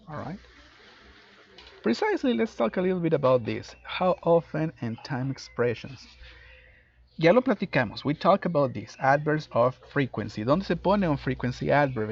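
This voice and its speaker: A man teaching an English lesson, explaining grammar casually and switching between two languages. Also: medium pitch. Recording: dull lo-fi audio.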